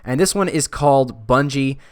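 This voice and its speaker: Young man, smooth clear tone, dry close sound, relaxed, lots of uhs. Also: mid-range voice, normal speed, no echo. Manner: relaxed, thinking aloud with frequent uhs. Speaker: design video creator. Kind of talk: casual screen-recorded tutorial talk.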